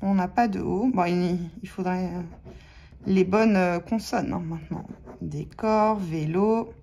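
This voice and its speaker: Slow-talking French woman scratching tickets. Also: lowish voice, gravelly, warm tone, slight background noise. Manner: slow, chatty, addresses viewers as friends, spells out letters. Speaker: scratch-card vlogger. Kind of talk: casual commentary while scratching lottery tickets.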